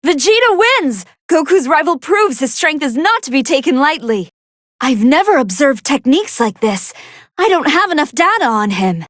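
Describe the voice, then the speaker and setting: A woman voicing a gentle, earnest young female android scientist who gives polite, precise fight commentary in a video game. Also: high-pitched, moderate pace, dry recording, clean studio sound. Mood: curious, earnest. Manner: polite, precise, analytical, expressive. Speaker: match commentator.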